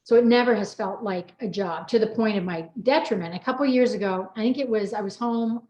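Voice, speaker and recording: Talkative and rambling, a middle-aged American woman hosts a casual personal chat, telling stories full of quoted asides. She is a book co-author, and her medium-pitched, darkish voice moves briskly. The audio is slightly dull, with an echoey room.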